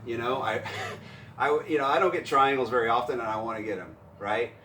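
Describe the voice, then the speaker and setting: A man talks through jiu-jitsu mistakes in an easy, animated way, his voice landing at a middle pitch. He sounds set back from the mic in a roomy gym, with a faint hum of ambience behind him. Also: fairly quick, recorded from a distance. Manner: animated, acts out panicked grappler in higher voice. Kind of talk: casual instructional chat.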